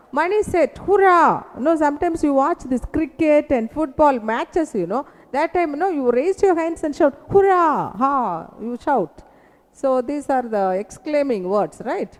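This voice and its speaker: A woman with an Indian English accent teaching an English grammar lesson, explaining slowly and often checking that her students follow. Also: high-pitched, a little mellow, in a large hall. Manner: explains slowly, asks "is that clear?".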